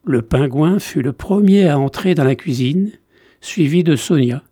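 A man reading a novel excerpt aloud in a measured, deliberate scripted narration. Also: fairly high pitch, animated, warm tone, breathy edge, no room sound, clean studio sound. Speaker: reader of book excerpts.

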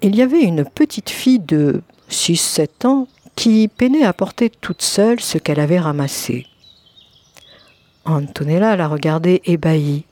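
A woman narrating an audiobook story with expressive, lively storytelling. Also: lowish voice, measured pace, no room sound. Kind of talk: audiobook reading.

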